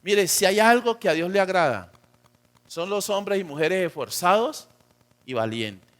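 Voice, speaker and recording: A man with a Colombian accent preaching a sermon as pastor, swinging between loud emphatic lines and quiet dropped endings, and acting out quoted voices. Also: high voice, lively intonation, a little slow. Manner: acts out quotes of God and of church members.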